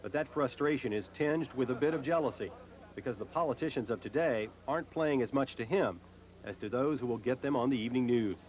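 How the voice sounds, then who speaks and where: A man reading scripted news narration in a measured, mid-pitched voice. He delivers the report as a correspondent. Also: a little mellow, low-quality recording.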